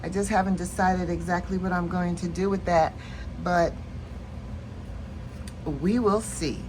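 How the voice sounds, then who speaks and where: A woman casually walking through her savings challenges in a planner vlog, relaxed and chatty with many fillers, tired and yawning late at night. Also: lowish voice, moderate pace, noisy background. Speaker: planner and budgeting vlogger. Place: at home at night.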